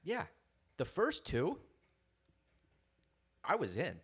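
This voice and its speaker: A man's voice: fairly high pitch, wildly swooping pitch, very slow, fairly bright tone, slightly rough. A young man co-hosting a podcast, chatting casually, rambling and laughing often. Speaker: podcast co-host. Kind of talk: casual chat.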